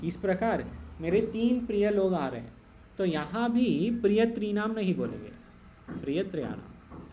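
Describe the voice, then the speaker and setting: A man's voice: high voice, mellow, a little hiss or hum. A man teaching Sanskrit grammar in an online class, patient and explaining step by step, slipping into English.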